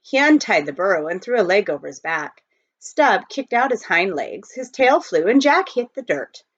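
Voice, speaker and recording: A woman with a mid-range voice reads a children's novel aloud at a moderate pace, using an expressive storytelling style. It sounds like a dull, lo-fi home recording.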